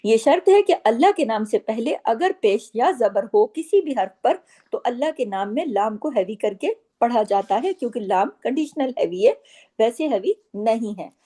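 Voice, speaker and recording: A woman teaching Quran recitation, patiently explaining each rule and repeating words slowly. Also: on the high side, expressive, mellow. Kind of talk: slow tajweed lesson with recited phrases.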